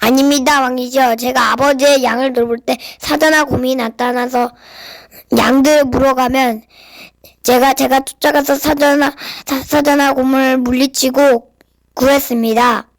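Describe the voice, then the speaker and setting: A woman's voice: high voice, fairly even intonation, normal speed, no room sound. A woman voicing a brave, earnest young shepherd boy in a children's Bible play. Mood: earnest, respectful.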